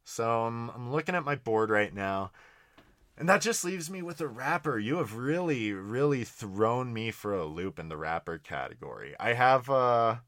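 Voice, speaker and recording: A man with a bright, forward voice in a close, dry recording. He talks in casual podcast banter, hesitant and rambling, leaning on "like" and easygoing slang as he finds his way through a thought. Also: mid-range voice, animated, normal speed, dry recording. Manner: hesitant, rambling, heavy use of "like". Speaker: podcast co-host. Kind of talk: casual banter, fantasy draft commentary.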